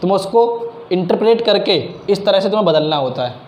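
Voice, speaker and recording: Here a high-voiced man with lively intonation and a darkish tone speaks quickly as he teaches math. His relaxed classroom explanations go step by step and blend in English math terms, heard in an echoey room with faint noise.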